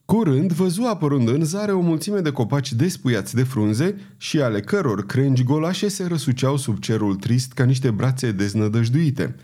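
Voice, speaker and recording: Expressive male audiobook narrator, dark tone. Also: medium pitch, hardly any pauses. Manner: dramatic, expressive reading. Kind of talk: scripted narration of a historical novel.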